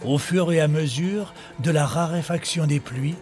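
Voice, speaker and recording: A man voicing a dromedary that tells its life story in measured nature documentary narration, scripted and in the first person. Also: a little high, darkish tone, soft background music, lightly acted. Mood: narrating. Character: male dromedary telling its own life in the desert.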